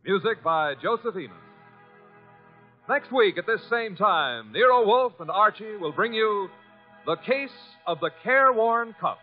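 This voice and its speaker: A man's voice: sits high, lively intonation, a little slow, narrow, tinny audio, faint music behind. A man reading a formal closing announcement for a radio program, heard from an old broadcast disc transfer. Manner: crisp formal announcer delivery.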